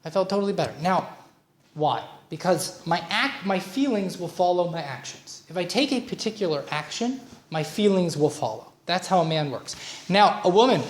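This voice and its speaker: Man coaching a workshop in a roomy hall. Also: high-pitched. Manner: chatty lecturing with personal anecdotes and asides. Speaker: relationship coach leading a workshop. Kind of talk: informal workshop talk. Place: workshop room at a community centre. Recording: roomy room recording.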